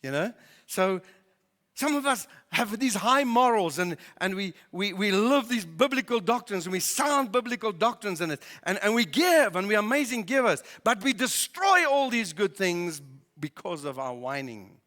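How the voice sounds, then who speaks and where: A man preaching a sermon as pastor, in a lively conversational way with many fillers. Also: high-pitched, moderate pace. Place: barn church hall. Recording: reverberant church hall.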